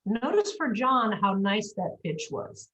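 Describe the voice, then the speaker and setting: A woman's voice: medium pitch, sing-song, takes it slowly, fairly bright tone, roomy sound, lo-fi sound. A woman speech coach giving an instructive, demonstrative lesson on voice, speaking without a microphone.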